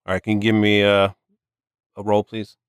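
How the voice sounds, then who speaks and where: A man running a tabletop game, describing scenes in a halting, easygoing way. His voice is low and smooth, and the recording is dry and close. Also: monotone, no room sound. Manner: halting, restarts, laughs along. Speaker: game master.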